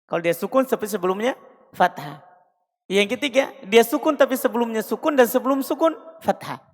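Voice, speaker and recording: A man's voice: extremely high pitch, a little slow, long reverb tail. A man with an Indonesian accent interpreting a tajwid lesson, repeating points and quizzing listeners. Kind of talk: translating a lesson.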